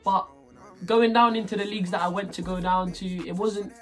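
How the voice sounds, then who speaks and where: Young man in a relaxed bedroom vlog, high voice. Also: brisk, soft background music. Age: 20s. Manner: relaxed, trailing off, repeats "obviously". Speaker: footballer answering fan questions. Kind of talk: casual Q&A vlog. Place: bedroom, indoors. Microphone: camera at desk distance.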